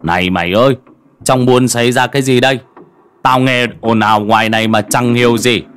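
A man voicing a cranky old village man who talks gruffly and scolds, in a storytelling reading. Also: mid-range voice, steady tone, a little fast, fairly bright tone, slight background noise, close to an everyday voice. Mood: curious. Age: older.

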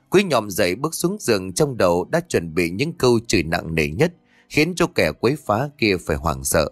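A man narrates a horror audiobook with dramatic, expressive delivery. His middle-pitched voice moves animatedly. The read is dry and close, with soft music behind. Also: no echo. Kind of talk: scripted horror story narration.

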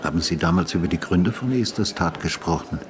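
With crowd noise in the background, a male actor narrates a literary radio drama as a retired homicide detective, brooding and sardonic, in deliberate inner-monologue style. He uses his natural voice, which is husky and low, and the mood is sober.

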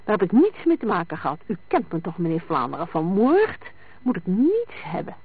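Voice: mid-range voice, wildly swooping pitch, normal speed, breathy edge, exaggerated voice. A reader voicing a nervous, evasive young petty crook who keeps protesting his innocence. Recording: dry, tinny lo-fi sound.

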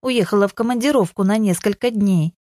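A woman voicing a kind young aunt who speaks gently and reassuringly in an audiobook. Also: mid-range voice, fairly quick, no room sound, clean studio sound, close to an everyday voice. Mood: gentle.

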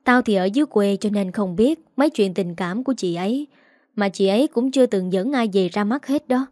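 A woman's voice: medium pitch, a little fast, a little mellow, no echo, clean studio sound, natural voice. A woman voicing a worried, blunt middle-aged uncle from the countryside in a read-aloud story. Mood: thoughtful. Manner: plain, blunt familiar talk.

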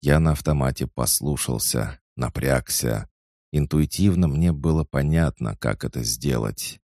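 A man narrates a first-person fantasy audiobook in a measured, steady way. His voice is extremely deep and gravelly. He speaks slowly into a dry, close mic. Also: dry recording.

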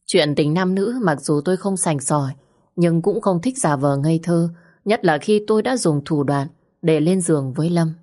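A woman narrating a first-person story in a steady, reflective way. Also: on the low side, normal speed.

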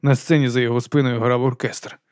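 A man reading audiobook narration in a calm, measured way. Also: medium pitch, no room sound, studio quality. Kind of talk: scripted narration.

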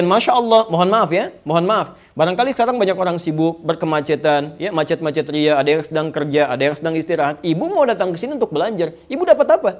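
Man, religious teacher, live lecture; fast talker, highish voice, chatty, poses questions to the audience. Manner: conversational, asks the audience questions and addresses them directly.

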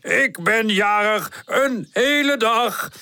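A woman's voice: a little high, slow, pushed and bright, clear, resonant tone, no echo, pitched above the performer's own voice. A woman voicing a jolly, chuckling old male fern in a children's storybook. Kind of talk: storybook character voice.

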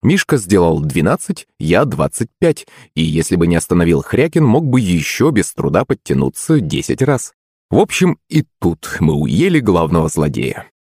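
A man's voice: low-pitched, big pitch swings, moderate pace, a little mellow, breathy edge, no echo, clean studio sound. A man narrating a first-person audiobook.

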